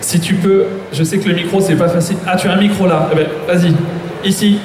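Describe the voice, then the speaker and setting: Fast, high-voiced male moderator. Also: steady tone. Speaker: panel moderator. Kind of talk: informal stage moderating. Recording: noisy, echoey hall.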